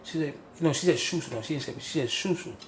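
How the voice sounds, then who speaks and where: A man telling a personal story on a casual podcast, animated and repeating phrases like "you feel me". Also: fairly high pitch, fast talker, echoey room, a little hiss or hum. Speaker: podcast host.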